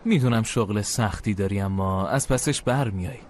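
A man's voice: fairly low pitch, slight background noise, natural voice. A man voicing a joking, supportive older brother in a dubbed drama. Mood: reassuring. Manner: joking, reassuring.

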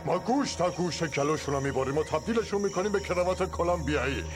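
A man's voice: a little high, animated, music in the background, natural voice. A man as a cruel cartel gunman. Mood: menacing. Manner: cold menacing threats. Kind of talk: dubbed film dialogue.

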